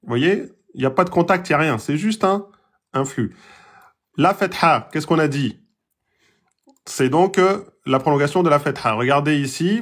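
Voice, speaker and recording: A man teaching pronunciation in a patient lesson, repeating points, checking with his students and sounding out vowels himself. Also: a little high. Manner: demonstrates vowel sounds aloud. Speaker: Quran recitation teacher. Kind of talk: slow, patient explanatory lesson.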